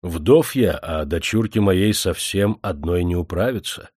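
A man's voice: sits low, animated, unhurried, a little mellow, breathy edge, dry recording, studio quality, exaggerated voice. A man doing a humble old village father. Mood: humble, wary. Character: stern old widowed father, humble and wary.

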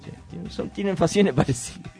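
Argentine male radio host, rapid-fire and argumentative, lively, high voice; casual studio banter. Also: gravelly, over loud music. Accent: Argentine Spanish. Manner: argumentative, joking, rhetorical questions.

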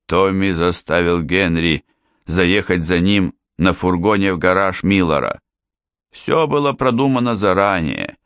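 Male thriller audiobook narrator, very low voice, dry close sound. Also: unhurried, a bit bright, clean tone, dry recording.

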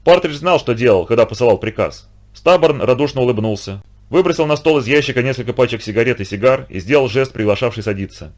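A male narrator reads an audiobook in a steady storytelling voice. His pitch is middling and his pace quick.

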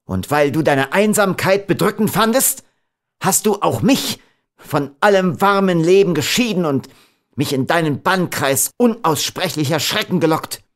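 A man reading an audiobook, voicing a young man in a furious, scornful rage, louder than his narration. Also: fairly high pitch, animated, unhurried, pitched above the performer's own voice. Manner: loud, scornful.

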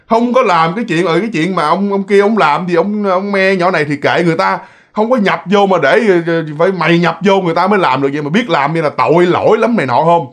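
A man's voice: on the high side, a bit bright, lightly acted. A man voicing a stern exorcist master who orders a spirit out, scolding it. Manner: commanding, scolding.

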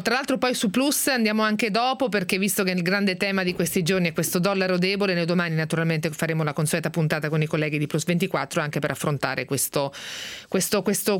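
A woman hosting a radio call-in show about finance, talking briskly with guests and callers. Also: lowish voice, fairly bright tone. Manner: brisk, conversational, thanks callers. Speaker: radio host.

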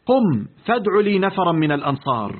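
A man reading the part of a revered elderly scholar, speaking in a grave, measured way. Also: sits high, big pitch swings. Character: revered elderly male scholar, calm and firm. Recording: tinny, lo-fi phone-like audio.

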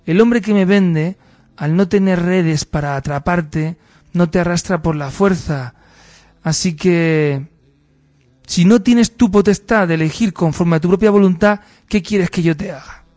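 A man reading the part of a sharp-witted, sardonic male slave who answers with dry, mocking comebacks. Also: high voice, measured pace, no echo. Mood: defiant.

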